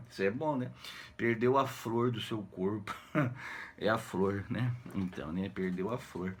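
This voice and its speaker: A man's voice: lowish voice, measured pace, a little hiss or hum. Joking Brazilian man retelling a novel. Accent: Brazilian Portuguese. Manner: jokey, slangy, constant "né?" tags, acts out characters' lines. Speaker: literature teacher. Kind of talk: casual retelling of a novel for students.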